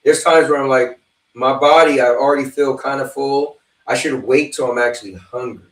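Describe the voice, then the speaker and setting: In this casual livestream chat, the fifty-year-old host rambles freely and addresses his audience directly. He talks at a moderate pace with a medium-pitched voice, picked up from a distance in a roomy-sounding space.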